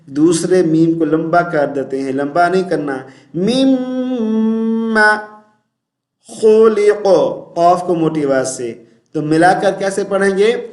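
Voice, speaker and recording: A man teaching Quran recitation with tajweed, chanting verses slowly and melodically, then explaining pronunciation mistakes in brisk spoken asides. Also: a little high, a little mellow, reverberant.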